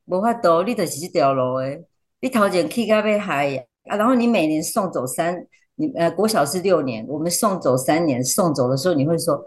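A woman teacher, a podcast guest, chatting casually and telling animated stories. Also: low-pitched, a little fast. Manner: animated storyteller, acts out quotes.

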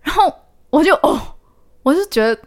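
A woman co-hosting a podcast in casual chat, telling stories in an animated way and dropping English words into her speech. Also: high-pitched, normal speed. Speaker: podcast co-host.

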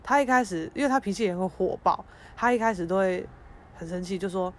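A young woman hosts a podcast. She tells stories in a frank, expressive, emotional way and swears casually. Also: medium pitch, brisk. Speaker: podcast host. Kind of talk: casual storytelling monologue.

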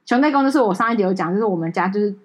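A woman with a Taiwanese Mandarin accent, co-hosting a podcast and telling a story in an animated, emotional way with many fillers. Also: mid-range voice, very fast. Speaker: podcast co-host. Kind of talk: casual storytelling chat.

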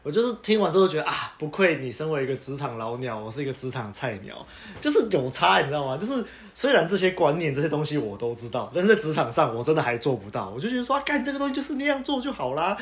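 A rapid-fire man talks in a blunt, animated way, casually tossing in swear words. His voice sits a little high and his words tumble out quickly. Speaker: podcast co-host. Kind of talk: casual chat.

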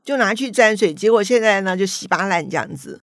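An older woman with a Taiwanese accent voicing an indignant, tearful little girl of about eight, in a high, whiny protest. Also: very animated, fairly quick, a bit bright, no room sound, studio quality. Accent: Taiwanese Mandarin.

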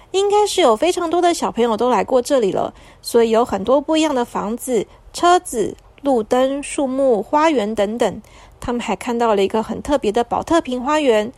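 A woman narrating a bedtime story for children in a soft, soothing manner. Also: fairly high pitch, no room sound. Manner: soft, soothing, slow at the end.

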